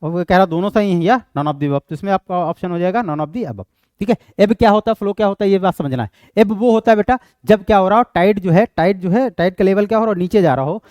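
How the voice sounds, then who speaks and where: High-voiced Indian man teaching. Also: a little mellow, no room sound. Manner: explains step by step, asks and answers his own questions; reads English question text slowly. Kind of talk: exam-prep lecture.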